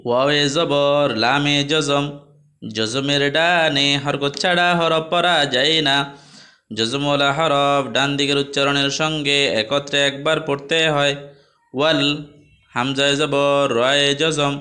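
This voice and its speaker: A man with a Bangladeshi Bengali accent teaching a Quran reading lesson, spelling out each letter and vowel mark before reciting the joined words slowly. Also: on the high side, steady tone. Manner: softer, quicker asides to students between drills. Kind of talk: slow step-by-step recitation lesson.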